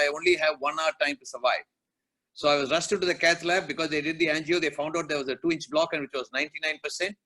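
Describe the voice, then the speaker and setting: Man, Indian English accent, fifties, quick bright delivery, slightly high voice. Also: poor audio. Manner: earnest, repeats "like, you know". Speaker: product testimonial speaker. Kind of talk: personal testimony.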